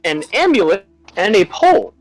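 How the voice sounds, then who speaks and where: A man's voice: high voice, sing-song, moderate pace, no echo, faint music behind, poor audio. A man narrating a tabletop game as dungeon master in a loose, easygoing way.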